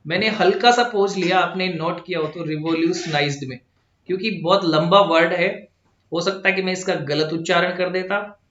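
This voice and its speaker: A man's voice: sits high, moderate pace, fairly bright tone. A man teaching an online exam-prep lesson, speaking in a direct, instructive way to his students. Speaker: exam coach. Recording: echoey room, dull lo-fi sound.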